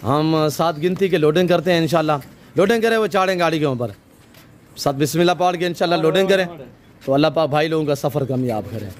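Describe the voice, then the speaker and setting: A man's voice: fairly high pitch, fast talker. A man running a farm vlog outdoors, speaking effusively and packing his talk with blessings while he interviews buyers and shows off his animals. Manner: effusive, many religious blessings. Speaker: goat farm owner and vlogger. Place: outdoor goat farm pens.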